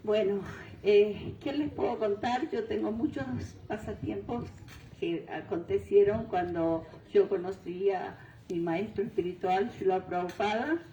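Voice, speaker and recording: An older woman from Venezuela giving a devotional talk, pausing often and searching for words. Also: mid-range voice, mellow, muffled recording, a little hiss or hum. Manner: unhurried, searching for words, frequent fillers. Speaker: guest speaker. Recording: distant mic in roomy hall.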